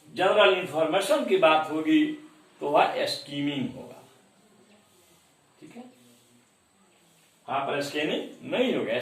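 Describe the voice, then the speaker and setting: A man's voice: a little high, echoey room, distant mic, poor audio. A man teaching an exam-prep lecture, explaining answers step by step and mixing in English terms. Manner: reads English questions slowly, then explains.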